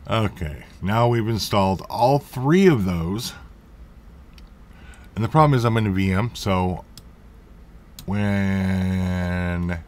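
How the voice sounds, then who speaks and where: Slow, low-voiced man rambling through a tutorial. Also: darkish tone. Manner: rambling, self-correcting, jokey asides. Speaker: tech tutorial host. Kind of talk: casual screen-recorded tutorial.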